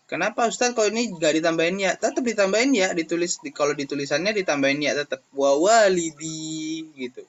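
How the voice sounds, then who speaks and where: A male Arabic teacher with an Indonesian accent, giving a lesson for young pupils and stretching out words in pronunciation drills. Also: a little high. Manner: drawn-out, emphatic pronunciation drills. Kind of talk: classroom lesson video. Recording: dull lo-fi sound.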